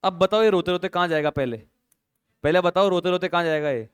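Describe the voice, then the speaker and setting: A man's voice: sits high, brisk, smooth. A male accounting teacher from India who explains through a silly story and keeps checking that students follow. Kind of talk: classroom lecture.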